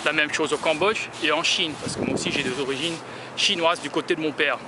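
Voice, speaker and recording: A man from France vlogs while walking through a town in the sun, rambling hesitantly with lots of filler sounds. His voice is on the high side and fairly quick. The outdoor street recording is noisy.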